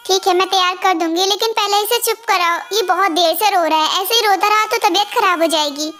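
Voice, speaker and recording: A woman voicing a shy young new mother, very high. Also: brisk. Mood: worried. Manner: soft, earnest, a little worried. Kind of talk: amateur Hindi fan dub.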